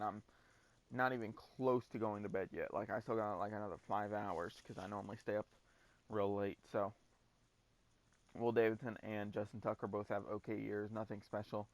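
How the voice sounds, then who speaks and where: A man's voice: lowish voice, no echo. A man hosting a gaming video, talking through his football-game season in a laid-back, casual way and swearing now and then. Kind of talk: casual gameplay commentary.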